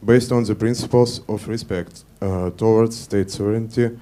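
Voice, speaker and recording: A man with a low, dark voice gives a formal official statement at a conference. His delivery is flat and monotone, slow and deliberate, in carefully official phrasing. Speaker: embassy representative. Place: conference room.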